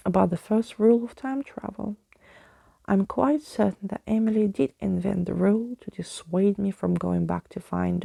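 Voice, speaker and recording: A woman's voice: mid-range voice, gravelly, warm tone, breathy edge, dry recording. A woman voicing a gallant old skeleton adventurer from a storybook, with florid, old-fashioned phrasing.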